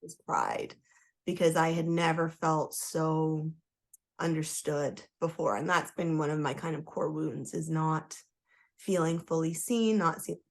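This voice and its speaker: A woman's voice: low voice, animated, measured pace, vocal fry. A woman, a guest coach telling her story on a podcast in a candid, emphatic way. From Toronto, Canada; born in Trinidad and Tobago. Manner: candid, emphatic, with frequent "like" fillers. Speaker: guest, human design coach.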